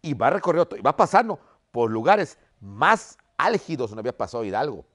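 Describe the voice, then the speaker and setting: A man's voice: medium pitch, brisk. A man, a history teacher, giving a vivid storytelling lesson and often checking in with "¿ok?". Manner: keeps adding "¿ok?" as a check-in; vivid, animated retelling.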